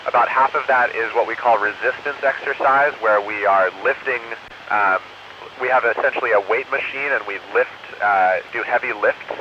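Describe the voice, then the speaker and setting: A man answering students' questions from an orbiting space station over a crackly radio downlink, earnest and measured, signing off each answer with 'over'. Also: medium pitch. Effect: crackly space-to-ground radio downlink. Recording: dull radio link with faint static hiss.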